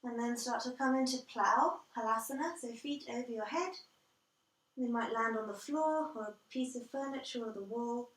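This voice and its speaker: A woman guiding a yoga class as instructor, calm and measured, step by step. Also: a little high. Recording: roomy echo, distant from the mic.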